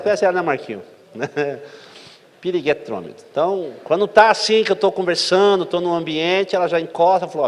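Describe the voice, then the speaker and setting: A man preaching a sermon, telling a story and acting out the voices of its people, asking the congregation questions. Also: fairly high pitch. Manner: animated, acts out dialogue voices, asks the crowd questions. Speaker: pastor. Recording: long reverb of a church hall.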